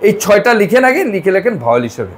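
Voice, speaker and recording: A middle-aged man with a high, lively voice teaches French sounds to a single student. He keeps repeating letters and correcting mistakes, and he drifts into chatty asides between the drills. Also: quick pace. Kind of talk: one-on-one language lesson.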